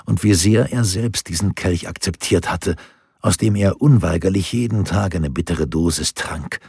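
A man reads an audiobook in a measured, even manner. His voice is low and strongly husky, almost breathy. The recording is close and dry with no room sound. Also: no room sound. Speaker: narrator. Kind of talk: audiobook narration.

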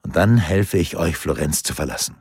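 A man's voice: low-pitched, normal speed, a little mellow, breathy edge, dry recording, studio quality. A man voicing a persuasive Renaissance ruler urging a friend, in a pleading, earnest way.

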